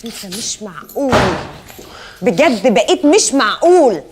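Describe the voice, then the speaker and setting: Self-assured Egyptian young woman, bright, animated high voice. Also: measured pace, music in the background. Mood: exasperated. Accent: Egyptian Arabic. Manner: teasing and exasperated. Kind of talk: TV drama acting.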